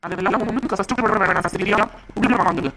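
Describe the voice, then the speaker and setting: A woman acting out a decent young man in a cartoon, her voice kept at an ordinary middle pitch. He talks earnestly and reassures his friend, and he scolds others when they are unkind. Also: a little fast, heavy background noise, close to an everyday voice. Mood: reassuring. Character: kind, earnest young male college student.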